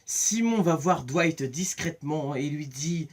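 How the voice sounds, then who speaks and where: A talkative man giving a casual, rambling spoken review, excitable and full of restarts. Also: a little high, measured pace. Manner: chatty, rambling, many restarts and fillers; excitable, acts out scenes with voices. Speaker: film and series reviewer.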